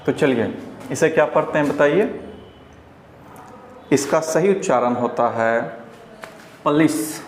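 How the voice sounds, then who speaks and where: A man with a Bihari Hindi accent teaching English pronunciation, explaining slowly and repeating each word for learners. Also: medium pitch, slight background noise. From India. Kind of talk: pronunciation lesson. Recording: echoey room.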